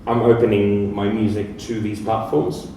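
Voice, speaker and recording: Brief: Greek-accented man, composer, halting panel answers, lowish voice, distant in a booming hall. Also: flat delivery, warm tone, a little hiss or hum. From Greece. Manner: halting, restarts words often, self-deprecating. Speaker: composer and pianist. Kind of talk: live panel Q&A. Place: large echoey art fair hall. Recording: very echoey hall from far off.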